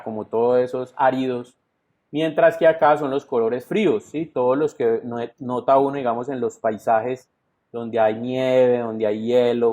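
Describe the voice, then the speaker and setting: A man's voice: mid-range voice, a little mellow. A man with a Colombian Spanish accent teaching a virtual class, explaining step by step and often checking in with the students. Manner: explanatory, frequent "entonces" and checks like "¿sí?". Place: home or office, video call. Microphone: computer mic on video call. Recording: dull lo-fi online class audio.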